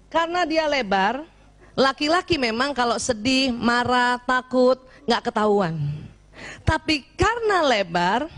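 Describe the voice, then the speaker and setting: A woman giving a lively talk to an audience of women, animated and often checking in with her listeners. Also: a little high. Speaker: speaker addressing women.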